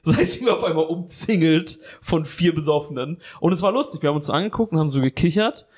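Young man, comedy podcast co-host, slightly high voice, rambling storyteller, swears a lot. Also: expressive, fast, a little mellow. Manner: rambling, swears a lot, keeps restarting with "anyway".

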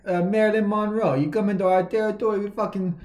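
Menacing mafia hitman done by a man, put-on Italian accent, low gruff voice, podcast bit. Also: steady tone, fast, a little mellow, echoey room, lightly acted. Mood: threatening. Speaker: podcast co-host.

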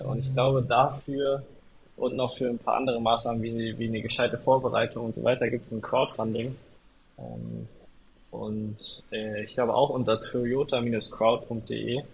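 A man chatting casually as a podcast co-host, his voice gravelly with plenty of fry. He rambles and hesitates, restarting his sentences often. The pitch sits in an ordinary middle range. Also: slight background noise, low-quality recording. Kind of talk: casual chat.

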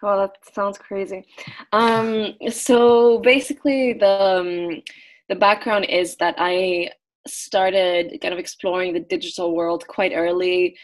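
A woman in her twenties from Greece talks as an interview guest over a remote call. She is loose and conversational, with frequent ums and likes and a pitch that sits in the middle of the usual range. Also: takes it slowly. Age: 20s. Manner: relaxed, many ums and likes.

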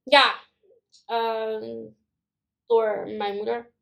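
A young woman telling her own story in an interview, pausing often and full of fillers. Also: a little high, little pitch movement, vocal fry, fairly bright tone. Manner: halting, many pauses and fillers, quoting others. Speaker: guest. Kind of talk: personal testimony in an interview.

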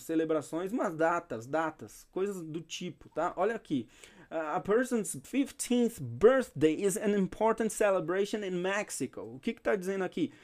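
A man with a fairly high voice runs a relaxed English class. He talks to his students like friends and repeats each word slowly so they can copy it. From Brazil. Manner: patient, repeats words slowly for practice; informal, chatty asides to students. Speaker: English teacher. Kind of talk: casual spoken lesson.

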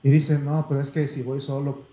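In a mellow, mid-range voice with a level tone and moderate pace, a man delivers a sermon with a Mexican Spanish accent. He reads Bible verses in a folksy style, addressing listeners as brother and asking for amens. The echoey room makes the audio slightly muffled.

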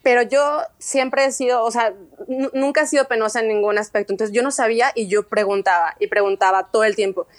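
A woman's voice: fairly high pitch, brisk. Chatty Mexican woman telling her story. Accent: Mexican Spanish. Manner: chatty, animated storytelling with frequent restarts. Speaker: guest. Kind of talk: casual interview conversation.

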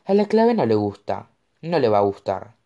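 A man's voice: on the low side, sing-song, normal speed, highs cut off. A narrator voicing a protective, wary young man who speaks cautiously and earnestly in an audiobook. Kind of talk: audiobook character voice.

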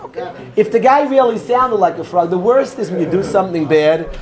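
A man's voice: high voice, fairly quick, crowd noise. A man, teaching an informal Torah class and joking students he calls by name. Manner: animated, joking, talks straight to students by name. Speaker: rabbi teaching a yeshiva class.

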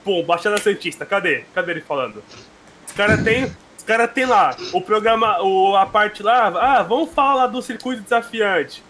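A man in casual podcast banter, excitable and repeating himself as he argues his point. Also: sits high, moderate pace, slight background noise. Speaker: podcast co-host.

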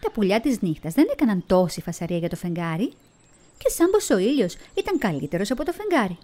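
Expressive woman reading a fairy tale. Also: mid-range voice. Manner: expressive, melodic reading with vivid emphasis. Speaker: storyteller. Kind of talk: storybook narration.

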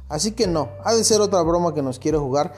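A man's voice: on the high side, animated, fairly quick, darkish tone, faint music behind, pitched above the performer's own voice, close to an everyday voice. A man voicing stern skeptical woodcutters. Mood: scolding.

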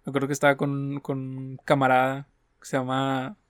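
A man's voice: mid-range voice, monotone, moderate pace, clean tone, dry recording, studio quality. A young man with a Mexican accent, hosting a casual podcast, teasing his co-host in slangy chat. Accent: Mexican Spanish. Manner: teasing, slangy, laughs often.

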